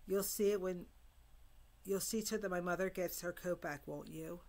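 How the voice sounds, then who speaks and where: A woman reading a chapter of a novel aloud, giving the dialogue quiet voices in a measured, even delivery. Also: on the low side. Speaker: reader.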